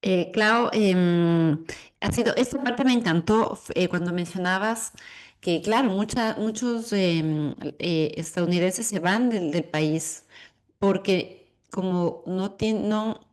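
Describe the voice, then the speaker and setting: A woman's voice: medium pitch, takes it slowly. A woman from Ecuador, hosting a podcast interview in an enthusiastic, reflective way. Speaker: podcast host. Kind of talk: interview conversation.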